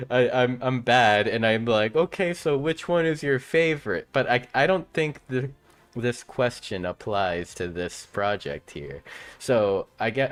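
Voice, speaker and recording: A man hosting a relaxed live-streamed talk show, born in Ecuador. He speaks slowly and easygoingly, with a lowish, smooth, clear voice. He hesitates with fillers and chuckles often. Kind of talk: casual live-stream interview.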